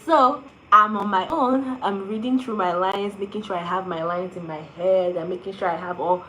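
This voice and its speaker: A young woman, an actress, answers fan questions in a casual vlog, telling her stories in a chatty, animated way full of "like" fillers. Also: medium pitch, moderate pace, a little hiss or hum, low-quality recording.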